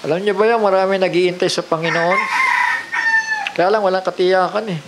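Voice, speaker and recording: A man's voice: sits high, steady tone, moderate pace, very noisy. A man preaching a sermon, mixing in English phrases and often asking the congregation rhetorical questions.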